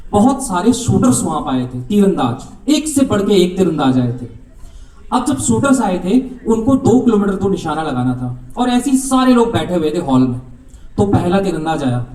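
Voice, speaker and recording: A man's voice: high-pitched, warm tone. Man telling a story on a stage. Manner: storytelling, repeats a catchphrase. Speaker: university representative speaker. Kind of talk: motivational speech with storytelling. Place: event hall. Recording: echoey hall from far off.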